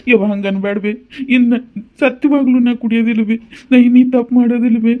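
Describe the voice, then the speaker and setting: A man's voice: high-pitched, completely flat delivery, very fast, lightly acted. A man voicing a remorseful young son who pleads with his crying mother, in a North Karnataka Kannada accent. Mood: pleading. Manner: pleading, apologetic. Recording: dull lo-fi recording.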